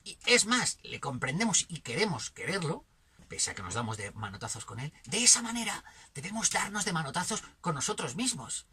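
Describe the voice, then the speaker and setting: Dramatic Spanish man with a bright voice. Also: fairly high pitch, breathy edge. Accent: Spanish from Spain. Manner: dramatic, swinging from emphatic bursts to hushed near-whispers. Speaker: channel host. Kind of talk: philosophical monologue.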